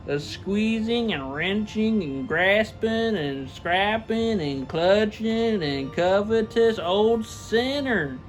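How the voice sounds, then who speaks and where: In a rough recording, a high-voiced man, a reader and show host, performs a classic story with theatrical emphasis. He stumbles over the text and slips in casual asides.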